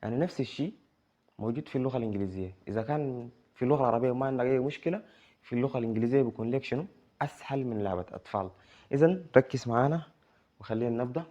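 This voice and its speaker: A man teaching English letter sounds to beginners, spelling them out slowly and repeating each sound. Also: mid-range voice, mellow. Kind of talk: beginner pronunciation lesson. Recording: dull lo-fi sound.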